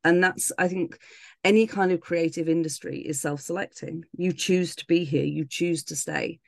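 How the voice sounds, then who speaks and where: A woman's voice: on the low side, steady tone, normal speed, gravelly, no room sound, studio quality. A woman co-hosting a podcast in casual chat, blunt and informal, repeating phrases for emphasis. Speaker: podcast co-host.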